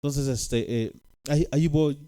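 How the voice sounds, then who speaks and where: A man's voice: on the high side, normal speed, mellow, clean tone. A man with a Mexican accent telling a personal testimony, rambling with fillers and tag questions. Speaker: speaker giving a personal testimony.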